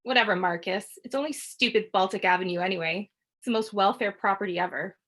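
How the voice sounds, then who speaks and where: A woman's voice: medium pitch, fast talker, fairly bright tone, natural voice. A woman reading the part of a bossy teenage older sister, mocking and dismissive. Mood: scornful.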